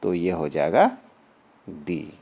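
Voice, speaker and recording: A male teacher giving a lesson. He asks the class questions, answers them himself with a low falling word, and drills pronunciation syllable by syllable. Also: big pitch swings, slow, gravelly, lo-fi sound. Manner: sing-song, swooping intonation.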